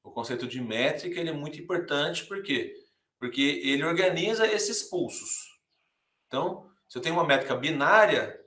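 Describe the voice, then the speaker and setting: Man, Brazilian accent, music teacher, casual lecture, bright tone, roomy echo. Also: mid-range voice. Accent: Brazilian Portuguese. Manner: talks to students directly with many "né, gente", sings and counts beats aloud. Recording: echoey room.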